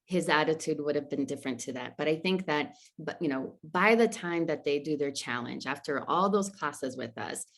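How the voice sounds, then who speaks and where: A woman's voice: sits low, lively intonation, moderate pace, few pauses. A woman interviewer in a casual interview, encouraging, drawing life lessons from her guest's stories. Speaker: interviewer, club founder.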